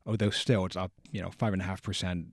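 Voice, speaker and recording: Low-voiced, dry-sounding radio analyst man. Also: flat delivery, no echo. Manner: measured, explanatory, stumbles on restarts. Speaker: in-studio guest analyst. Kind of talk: radio talk commentary. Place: radio studio.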